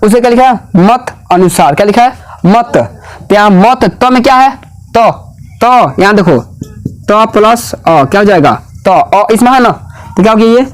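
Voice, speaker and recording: A man's voice: high voice, normal speed. A man teaching a grammar lesson in a classroom, asking questions again and again and repeating the answers.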